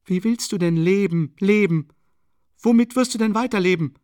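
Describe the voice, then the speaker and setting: A desperate young woman pleads fervently, as a male audiobook reader raises his voice high to play her. Her voice climbs high and loud, urgent and trembling. The recording is close and dry. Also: moderate pace, dry recording, lightly acted. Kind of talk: audiobook reading.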